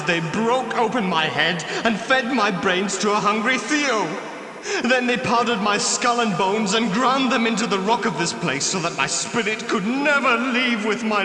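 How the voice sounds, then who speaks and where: Vincent, high-voiced anguished ghost knight. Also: male voice, pushed and bright, full character voice. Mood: bitter, sorrowful. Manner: pleading, tormented, melodramatic. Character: anguished ghost of a young murdered knight, pleading innocence. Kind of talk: theatrical video game character acting. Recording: echoey hall with long reverb.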